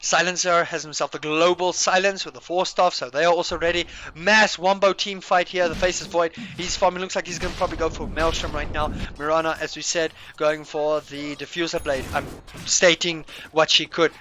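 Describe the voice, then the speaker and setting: A man's voice: fairly high pitch, level tone, brisk, pushed and bright, a little hiss or hum. A man commentating live esports play-by-play like a hype fighting game announcer, calling out big plays.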